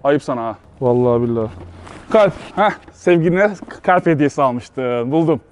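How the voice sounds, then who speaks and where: A man's voice: medium pitch, expressive, normal speed, slight background noise. A young man hosting a street prank video, talking in a cheeky, teasing, playfully evasive way. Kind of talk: street prank, casual chat.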